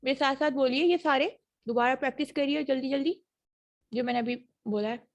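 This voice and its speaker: A woman teaches a phonetics class online, speaking through a computer mic on a video call. Her voice sits a little high, and she has a throat infection. She stretches out sample words and checks in with her students after nearly every point. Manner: checks in often with 'theek hai?', models words slowly.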